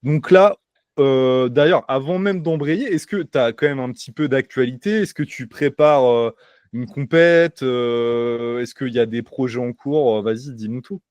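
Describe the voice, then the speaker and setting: A man's voice: medium pitch, unhurried, darkish tone, no echo. A man hosting a casual podcast, talking loosely with many fillers and restarts. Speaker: podcast host. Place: home by the sea.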